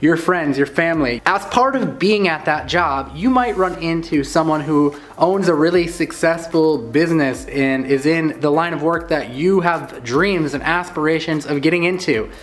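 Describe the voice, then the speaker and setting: A young man talks straight to his viewers in a casual vlog, upbeat and chatty. His voice sits a bit high for a man, and he speaks into a phone used as a mic. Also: normal speed, few pauses. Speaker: vlogger.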